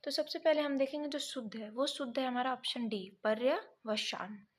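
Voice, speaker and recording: A woman teaching an exam prep lesson, reading each option and then correcting it step by step, sometimes pausing to check her notes. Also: sits high. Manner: pauses to check notes mid-sentence.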